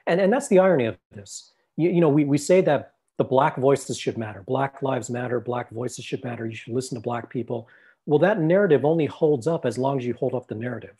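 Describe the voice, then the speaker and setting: Husky-voiced American man, earnest. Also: medium pitch, brisk, warm tone. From United States. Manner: earnest, stammering repetitions.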